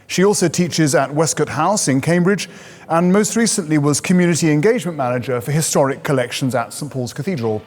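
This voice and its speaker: Formal male seminar moderator. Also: medium pitch. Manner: formal, steady. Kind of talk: formal introductions.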